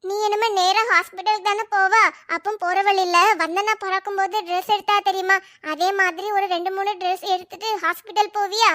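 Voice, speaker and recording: Woman, very high voice, bright tone, playful cartoon dialogue. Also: flat delivery, fairly quick. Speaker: voice actor for a family cartoon.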